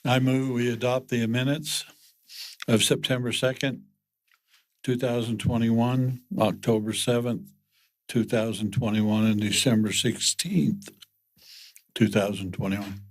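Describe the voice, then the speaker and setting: A man's voice: medium pitch, fairly even intonation, a little slow, long pauses. A man reading a formal motion aloud as a council member.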